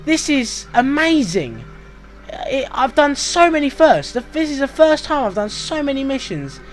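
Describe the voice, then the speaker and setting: A British man talks his way through a video game walkthrough in a notably high voice. He rambles, mocks himself and chats casually, with faint game music playing beneath him. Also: sing-song, unhurried. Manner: rambling, self-mocking, chatty. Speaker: gaming walkthrough host.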